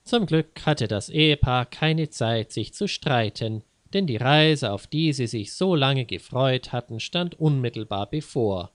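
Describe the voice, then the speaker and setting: A man reading a scripted lesson story aloud in a wry, teacherly way. His voice sits at a middle pitch. The recording is close and dry, with no room sound. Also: lively intonation, unhurried, hardly any pauses, no echo. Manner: didactic, wry. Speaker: language teacher.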